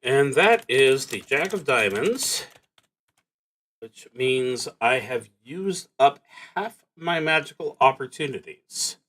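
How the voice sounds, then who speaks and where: Streaming a solo tabletop roleplaying game, a man muses aloud about his choices in an unhurried, halting way, frequently trailing off and then resuming the thought. His mid-pitched voice is animated with a fairly bright tone, and he speaks slowly.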